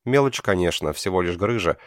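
A man's voice: low voice, animated, a little fast, no room sound, clean studio sound. A man voicing a tender, tearful young wife and mother in an audiobook. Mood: pleading.

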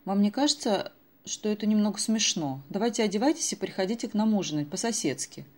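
A woman reading the lines of a brisk, demanding middle-aged mother in an audiobook. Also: medium pitch, lively intonation, pitched above the performer's own voice, close to an everyday voice. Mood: wry.

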